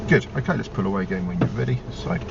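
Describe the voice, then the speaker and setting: Low-voiced, gravelly male driving instructor. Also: lively intonation, racing. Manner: patient, encouraging driving instructor. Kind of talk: driving lesson, step-by-step spoken instruction. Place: inside a moving car. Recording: muffled, loud car engine noise, distant mic.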